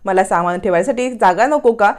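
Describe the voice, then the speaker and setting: A woman's voice: mid-range voice, normal speed, a little mellow, close to an everyday voice. A woman voicing a determined young bride who speaks firmly and insists on what she wants. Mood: insistent.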